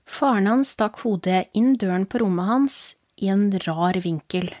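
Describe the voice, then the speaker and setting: A woman with a Norwegian accent reading a horror story aloud as a podcast host, in a calm, low, steady storytelling voice. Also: no echo, clean studio sound. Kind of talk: scripted horror story narration.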